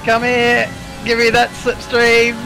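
A man's voice: very high voice, monotone, slow, vocal fry, poor audio. A man bantering playfully with his teammates over group voice chat during a sim race. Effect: heard over group voice chat.

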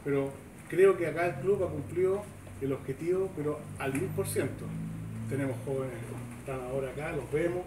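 A middle-aged man with a Chilean accent, speaking at a club ceremony in a folksy, chatty way and pausing for nods of agreement. His slightly raised voice rings through a roomy covered shed. He is heard from a distant camera, with steady background noise. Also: fairly high pitch. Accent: Chilean Spanish. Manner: chatty, folksy, seeking agreement with tag questions. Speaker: government official giving a speech. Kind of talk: informal public speech. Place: open-sided covered sports shed, semi-outdoors. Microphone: far camera, no microphone.

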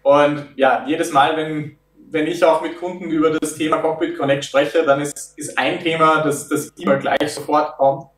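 A man in his thirties, a product developer, explains things in an interview in a measured way, often pausing on filler sounds. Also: a little high, flat delivery, fairly bright tone. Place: office meeting room. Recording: roomy and distant.

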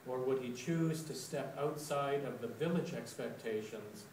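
Slow-speaking man preaching in an echoey church. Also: medium pitch, darkish tone, a little hiss or hum. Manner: slow, deliberate storytelling, with dramatic quoted outbursts. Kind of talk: sermon reflection. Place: church sanctuary. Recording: echoey church, recorded from a distance.

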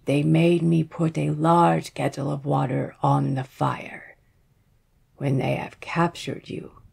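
A woman voicing a very old woman who speaks slowly and hushed, sinking into whispers. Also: sits low, gravelly, breathy edge, heavily acted. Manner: slow, hushed, drops into whispers. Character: very old woman, pitying, secretive.

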